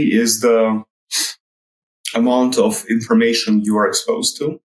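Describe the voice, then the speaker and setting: A man from Russia, a guest in an interview, talking slowly and hesitantly with many fillers and a dry wit. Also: mid-range voice, roomy sound, rough recording. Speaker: guest, writer. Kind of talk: casual interview talk. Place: Toronto.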